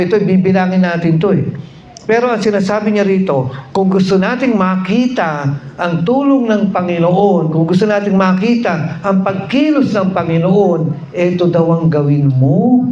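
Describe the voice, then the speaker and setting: A man's voice: high voice, moderate pace, a little mellow. A male pastor preaching a sermon, telling a funny story and asking the congregation questions. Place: church. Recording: roomy, dull church recording, faint noise.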